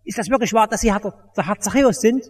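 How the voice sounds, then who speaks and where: A man's voice: high-pitched, fast, slightly rough. A man playing a timid modern pastor who asks with fussy, hesitant politeness, in a reverberant church. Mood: meek polite.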